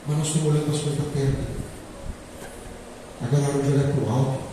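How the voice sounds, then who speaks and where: A man in his forties preaching a sermon as pastor, swinging between quiet reflection and loud emphasis. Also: mid-range voice, fairly even intonation, very fast, background noise. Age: 40s. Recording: echoey hall from far off.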